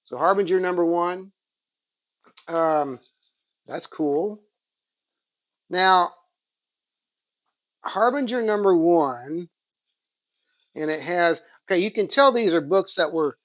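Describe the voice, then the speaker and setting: Fairly high-pitched and a bit bright, this man's voice is captured in a dry recording. He hosts a comics channel and, in an Oklahoma accent, rambles and thinks out loud during a casual show-and-tell of what he got.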